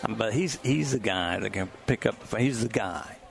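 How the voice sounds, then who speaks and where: A man's voice: fairly low pitch, expressive, normal speed, gravelly. A man giving casual color commentary on a football game. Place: stadium press booth. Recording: crowd noise behind.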